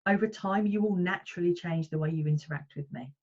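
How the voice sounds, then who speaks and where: Husky woman, animated coach. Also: fast talker, muffled recording. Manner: animated, acts out voices of parents and children with big pitch jumps. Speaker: parent coach, interview guest. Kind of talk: casual interview chat.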